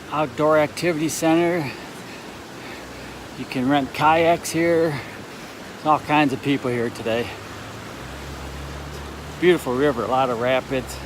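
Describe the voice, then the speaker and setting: A man speaking in a raised, projected voice outdoors on a bridge, giving a casual trail vlog update. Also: a little high. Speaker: hiker vlogger on a long trail. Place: outdoors, crossing a bridge over river rapids. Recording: noisy outdoor ambience, rushing background noise.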